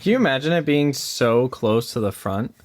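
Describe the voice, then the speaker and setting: A man's voice: medium pitch, lively intonation, moderate pace. A man co-hosting a casual chat, speaking in an easygoing, matter-of-fact way. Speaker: podcast co-host.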